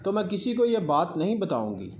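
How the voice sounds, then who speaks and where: Stern scolding aunt read by a man, storybook narration, high voice, roomy echo. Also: very animated, slight background noise. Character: stern middle-aged aunt scolding her nephew. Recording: echoey room.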